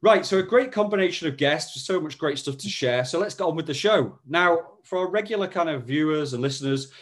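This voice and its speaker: A man hosting a business podcast, reading an upbeat intro and then leading the interview with lively, promotional enthusiasm. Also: a little high, brisk. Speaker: podcast host.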